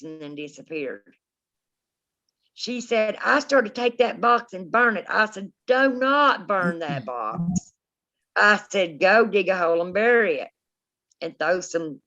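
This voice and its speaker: A woman's voice: fairly low pitch, fairly bright tone. A middle-aged woman with a folksy, informal way of talking, chatting and telling stories casually as host of a paranormal live stream. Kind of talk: casual chat and storytelling to live viewers. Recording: dull, lo-fi live stream audio.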